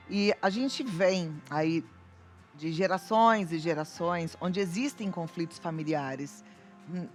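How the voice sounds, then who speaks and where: A woman with a Brazilian accent hosting a talk show, asking the guest and the audience questions in a chatty way. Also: on the low side. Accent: Brazilian Portuguese. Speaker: TV show host.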